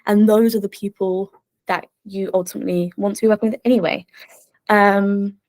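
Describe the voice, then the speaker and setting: A woman's voice: medium pitch, fairly even intonation, normal speed, darkish tone, no echo. Bubbly, chatty young woman presenter. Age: young adult. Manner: bubbly, chatty, filler-heavy. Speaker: workshop presenter. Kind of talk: casual online workshop talk.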